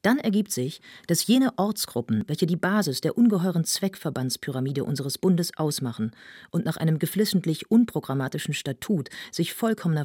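A woman voicing a pale young man giving a lofty, convoluted speech, with a slightly husky voice. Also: fairly low pitch, warm tone, dry recording, clean studio sound, voice pushed up. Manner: grandiloquent, convoluted, exalted. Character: pale young male orator, lofty and rapturous.

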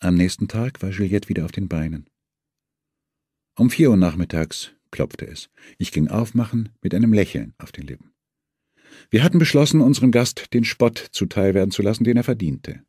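A man's voice: lowish voice, lively intonation, normal speed, dark tone, husky, no echo, studio quality. A man reading a German novel aloud as an audiobook, telling the story expressively. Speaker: audiobook reader. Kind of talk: scripted narration.

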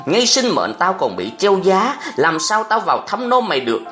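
An old scholar father lectures his son in a stern, scolding voice full of authority, as a man reading a novel puts him on. His pitch moves a lot as he reproaches him. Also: huge pitch swings, moderate pace, fairly bright tone, soft background music, heavily acted.

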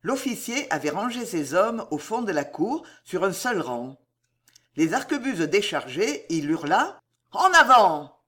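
An audiobook narrator reading a historical adventure novel in a measured, expressive storytelling manner. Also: mid-range voice.

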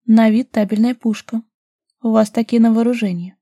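A bold young woman teasing and pressing her lover, as a female narrator puts her on, her voice very dark and mellow with a husky edge. Close and dry, no room around it, read like an audiobook. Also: on the high side, fairly even intonation, normal speed, no room sound, voice pushed up.

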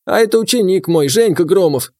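A man voicing a gruff, grumbling old huntsman who talks to his apprentice. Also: high voice, expressive, fairly quick, a little mellow, pitched above the performer's own voice. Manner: grumbling, brusque.

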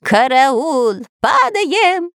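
A woman's voice: mid-range voice, big pitch swings, normal speed, no echo, studio quality, voice pushed up, lightly acted. A woman voicing a sneaky pirate spy with a nasal voice, whining and pleading. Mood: panicked.

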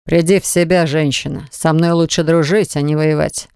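A woman narrator voicing a stern, domineering young man who speaks in slow, low, clipped commands. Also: fairly even intonation, a little mellow, smooth, dry recording, studio quality.

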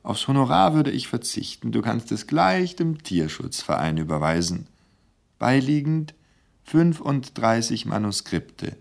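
A man's voice: medium pitch, sing-song, unhurried, creaky, pitched above the performer's own voice. Give me a man reading as an earnest, sentimental letter writer.

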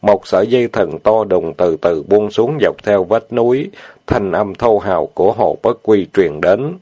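A man narrating an audiobook novel in a steady, plain reading. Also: on the low side, a little slow, no room sound. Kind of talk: storytelling narration.

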